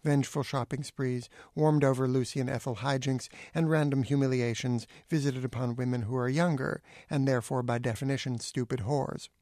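A middle-aged man reading his own essay aloud with acerbic, deadpan wit. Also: mid-range voice, fairly quick, few pauses, no room sound, clean studio sound. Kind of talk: dry witty essay reading.

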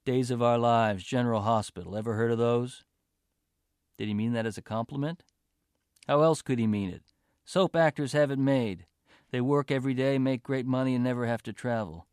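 A man's voice: medium pitch, normal speed, darkish tone, clean tone, no echo, studio quality, close to an everyday voice. A man voicing a resentful young male college athlete who turns sarcastic and bitter in a story reading. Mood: boastful.

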